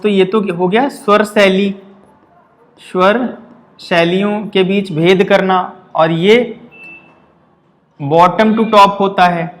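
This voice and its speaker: A man teaching an exam-prep language lesson, reading English options out slowly and explaining them in quick Hindi-English asides with frequent checks like "theek hai". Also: high-pitched.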